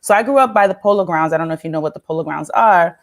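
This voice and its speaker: A woman's voice: fairly low pitch, racing. A woman from the Dominican Republic, a guest on a talk show, speaking candidly and laughing often, with many fillers. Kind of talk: casual interview talk.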